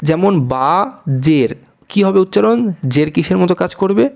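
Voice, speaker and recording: A man teaching an online lesson on reading the Quran, drilling letter sounds slowly and asking the viewers questions that he answers himself. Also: high-pitched, animated, creaky, darkish tone. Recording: dull lo-fi recording.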